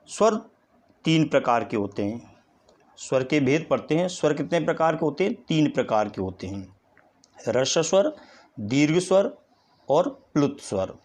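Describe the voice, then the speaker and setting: A man's voice: a little high, darkish tone. A man teaching a recorded Hindi grammar lesson, repeating each definition and spelling out letters one at a time.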